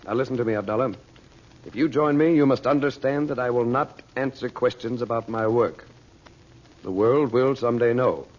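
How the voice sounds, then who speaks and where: Chandu, steady commanding adventurer played by a man. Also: medium pitch, moderate pace, close to an everyday voice. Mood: firm. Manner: calm, reassuring, firm. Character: steady, kindly, commanding American adventurer-magician uncle. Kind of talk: old-time radio drama acting. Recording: muffled old radio recording, background hiss.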